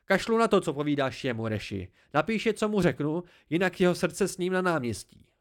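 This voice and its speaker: A man voicing Bast, a volatile young fae man who pleads and shouts in high, excitable outbursts, in an amateur audiobook. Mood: furious.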